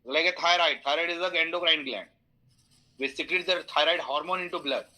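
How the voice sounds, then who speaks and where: Bright-voiced Indian English instructor. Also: male voice, a little high, a little fast, rough recording. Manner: explains with homely analogies, many fillers, invites questions. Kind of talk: online class lecture.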